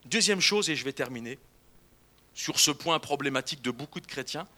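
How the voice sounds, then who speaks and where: Animated high-voiced male pastor preaching. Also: brisk. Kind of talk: sermon.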